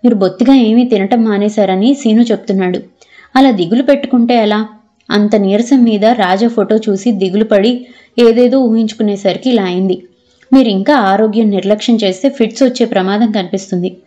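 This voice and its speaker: A woman's voice: mid-range voice, brisk, dark tone, lo-fi sound, close to an everyday voice. A woman narrator voicing a middle-aged male doctor who lectures his patient reproachfully.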